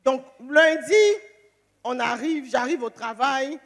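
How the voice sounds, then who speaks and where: A woman giving an emotional church testimony, animated, acting out the phone calls she tells about. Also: sits high, slow pace, long reverb tail.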